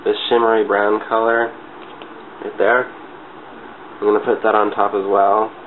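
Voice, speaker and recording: Fairly low in pitch with little movement, a man speaks a bit slowly while chatting loosely through a makeup tutorial. His cold leaves his voice stuffy and congested, and he comes across informal and giggly. Muffled, phone-like webcam audio carries clear noise.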